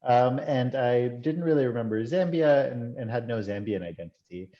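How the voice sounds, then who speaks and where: A man's voice: mid-range voice, expressive, normal speed, lo-fi sound. A man from the United States, a guest tech executive, speaking on a video call. He talks hesitantly and repeats "like" a lot. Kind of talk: casual video-call chat.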